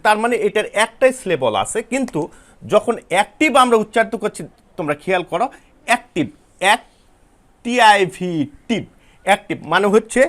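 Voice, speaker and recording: A male English teacher from Bangladesh giving an online lesson to students, explaining step by step and spelling words out letter by letter. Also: high voice. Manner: addresses students directly, repeats himself.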